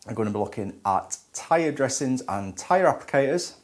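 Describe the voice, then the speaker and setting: A man's voice: mid-range voice, animated, normal speed. A man in his thirties presenting a scripted tutorial to camera, flubbing and restarting his lines as in outtakes. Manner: flubs and restarts lines, repeating takes. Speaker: presenter of car detailing tutorials.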